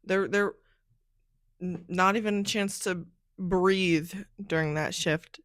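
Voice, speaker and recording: A woman's voice: lowish voice, fairly even intonation, slow, fairly bright tone, dry recording. Chatty young woman podcast host, dry sound. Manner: chatty, fills speech with "like". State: groggy from a recent nap. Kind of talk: casual solo storytelling chat.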